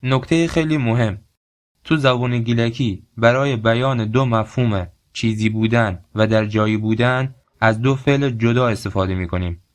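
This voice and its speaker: A man teaching a recorded language lesson, explaining grammar and saying short phrases slowly for learners to repeat. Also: mid-range voice. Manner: slow, deliberate drill phrases.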